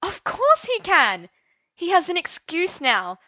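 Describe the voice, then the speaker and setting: Anxious schoolboy, voiced by a woman: high, tense, panicky pleading. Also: brisk, bright, forceful tone, slightly rough, no room sound. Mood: panicked. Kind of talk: audiobook character voice.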